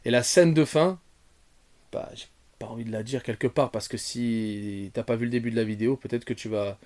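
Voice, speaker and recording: Rambling French YouTuber reviewing a film. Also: male voice, mid-range voice, normal speed. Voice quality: bearded. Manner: rambling, lots of fillers and restarts; animated, swings from soft asides to loud outbursts. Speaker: retrogaming YouTuber.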